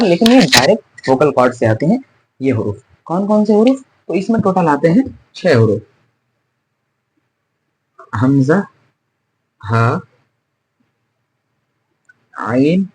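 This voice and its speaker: A man's voice: a little high, slight background noise, rough recording. A man teaching an online class, patiently explaining and drilling letter sounds, asking questions and answering them himself. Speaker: Tajweed teacher.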